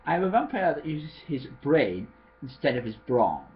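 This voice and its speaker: A man's voice: fairly high pitch, very animated, moderate pace, dull audio. A man voicing a slender male vampire politician who speaks in a posh voice, in a homemade storybook reading.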